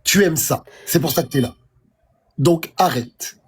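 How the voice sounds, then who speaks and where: A man's voice: on the high side, measured pace, slight background noise. A man hosting a live debate, teasing and calling out names again and again.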